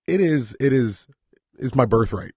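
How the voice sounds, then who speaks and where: A man's voice: mid-range voice, lively intonation, unhurried, dark tone, breathy edge, dry recording. A man from Southern California, a podcast co-host in casual chat, talking bluntly with swearing and mock-patriotic rants.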